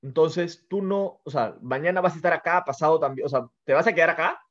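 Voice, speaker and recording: Hungry winter wolf, told by a man, urgent and questioning, fairly high voice, muffled lo-fi sound. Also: a little fast, fairly bright tone, lightly acted. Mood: pleading, wondering. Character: starving, tired wolf who prizes freedom.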